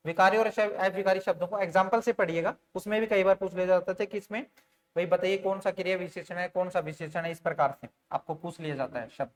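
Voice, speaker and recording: A man teaching an online grammar lesson, explaining step by step and often putting questions to his students, with frequent fillers. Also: high-pitched. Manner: sprinkles fillers like "theek hai" and "bhai".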